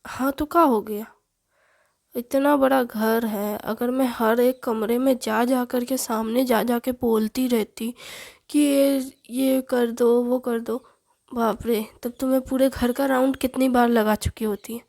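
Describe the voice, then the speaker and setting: A woman voicing a bossy, loud middle-aged mother who scolds and teases her children. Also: a little high, fairly even intonation, measured pace, vocal fry. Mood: scolding. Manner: scolding, teasing, commanding.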